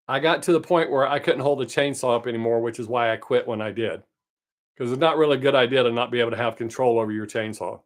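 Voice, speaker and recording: Upbeat almost-sixty man chatting live. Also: medium pitch. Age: 50s. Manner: upbeat, chatty, answers viewers by name. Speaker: livestream host. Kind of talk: casual chat with live viewers.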